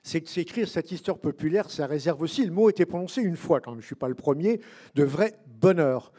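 A man's voice: on the high side, expressive, fairly quick, dark tone. A man who is one of a book's authors, answering an audience question at a public talk, digressive with wry asides and many fillers.

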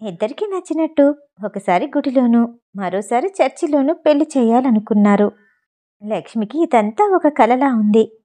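A woman reading a storybook aloud, narrating in a steady, even voice. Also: on the high side, moderate pace. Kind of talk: storybook narration voicing all characters.

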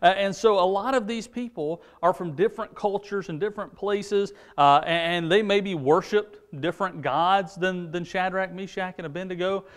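High-voiced man teaching a Bible story. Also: moderate pace, few pauses. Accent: American. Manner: storytelling with paraphrased voices of characters. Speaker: junior church teacher. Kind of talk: children's Bible lesson.

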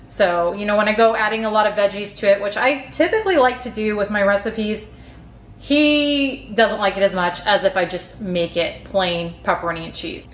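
In a reverberant room with slight background noise, a woman of medium pitch and a somewhat bright tone talks through a recipe one step at a time. She runs a home cooking channel, and her voice-over is relaxed, friendly, and chatty.

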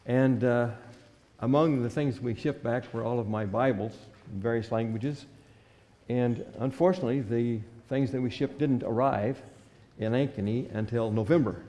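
Older man preaching, gravelly voice. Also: medium pitch, moderate pace, dark tone, long reverb tail. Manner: old-fashioned, earnest preaching with scripture reading. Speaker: pastor. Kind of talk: sermon. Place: church sanctuary at a pulpit. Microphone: stand microphone at the pulpit.

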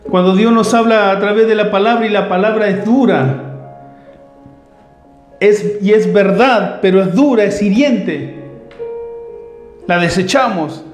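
A man's voice: high voice, measured pace, pauses often, roomy sound, soft background music. A man preaching a sermon as pastor, emphatic and full of rhetorical questions.

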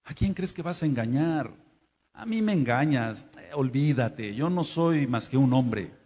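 A mellow, medium-pitched male voice with lively intonation and an unhurried pace preaches a Torah study sermon. He scolds his listeners and speaks straight to them, pausing to spell out and explain Hebrew terms. The audio is dull and lo-fi, captured in a reverberant hall.

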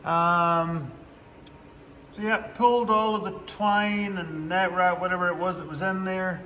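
A fairly high-voiced man walks through a tractor repair in an unhurried, plainspoken drawl, slipping in dry sarcastic asides. His voice rings off the walls of a farm workshop, with long reverb and a faint background hum. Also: fairly even intonation, pushed and bright. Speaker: farmer doing his own repairs. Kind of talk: casual how-to vlog narration.

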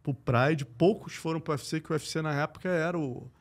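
A middle-aged man with a Brazilian accent, a guest telling a sports story in slangy, profane speech. He swings between loud and hushed and acts out the voices in his quotes. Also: fairly high pitch, fairly quick. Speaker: podcast guest, combat sports journalist. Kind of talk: animated anecdote telling.

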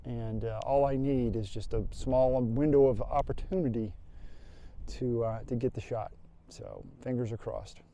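A man in his fifties with a relaxed, warm, darkish voice explains his photography plans on a windy outdoor hilltop. He talks into a lapel mic in an easygoing vlog manner, with fillers and restarts as he thinks aloud. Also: mid-range voice, a little slow. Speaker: landscape photographer. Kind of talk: casual vlog explaining camera settings.

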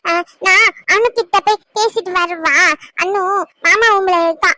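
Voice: extremely high pitch, measured pace, bright, forceful tone, no room sound, clean studio sound, heavily acted. A woman voicing a small grandson who pesters his grandmother with questions in a cartoon. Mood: curious. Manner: whiny, pleading questions. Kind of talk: cartoon voice acting.

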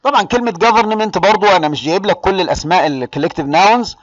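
A man with an Egyptian Arabic accent and a fairly high voice teaches an online exam-prep class. He is lively and calls on his students by name. The sound is dry and a little dull. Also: fast, no echo. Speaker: English teacher.

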